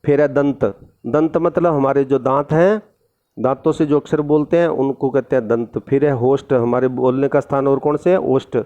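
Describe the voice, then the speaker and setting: A man's voice: mid-range voice, moderate pace, warm tone, muffled recording. A man teaching a school lesson, reading formal lines and then explaining them simply, often checking in with his listeners. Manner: reads formal text, then explains it in simple chatty words with tag questions. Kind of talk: classroom lesson.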